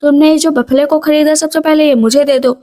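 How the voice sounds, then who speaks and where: An arrogant young village bully swaggers through his lines, mocking everyone around him, as a woman narrator puts him on. The voice sits fairly high and keeps a sneering, self-satisfied tone. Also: steady tone, brisk, warm tone, lightly acted. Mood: taunting.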